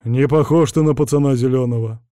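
A man's voice: mid-range voice, fairly even intonation, fairly quick, warm tone, dry recording, studio quality, natural voice. A man voicing a knowing older man speaking in a familiar, confiding way in an audiobook.

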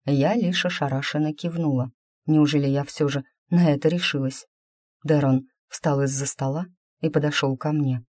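A woman reading a first-person fantasy novel aloud, in a wry, even storytelling manner. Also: low-pitched, normal speed, dry recording, clean studio sound. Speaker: audiobook narrator.

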